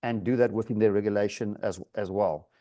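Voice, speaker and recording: A man's voice: lowish voice, fairly even intonation, fairly quick, warm tone. A man speaking as a webinar panelist, hesitating and repeating words as he closes his remarks. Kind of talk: discussion on a video call. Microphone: video call.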